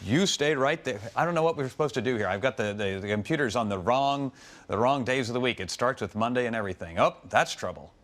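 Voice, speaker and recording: A man's voice: medium pitch, lively intonation, quick pace, a bit bright. A man presenting a live weather forecast, flustered by wrong maps but joking it off.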